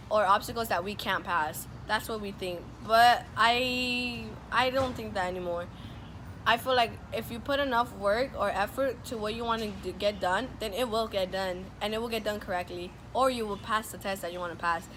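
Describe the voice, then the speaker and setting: A woman's voice: mid-range voice, pushed and bright. A young woman, a student, giving an informal, earnest personal speech in a conversational storytelling way. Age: teenage to young adult student. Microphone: distant microphone. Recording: distant mic, clearly noisy urban background.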